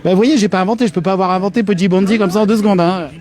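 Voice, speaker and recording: A man's voice: sits high, fairly even intonation, rapid-fire, darkish tone. A man hosting a live interview at an outdoor market, chatty and joking, with many restarts. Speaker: host of a local web TV channel.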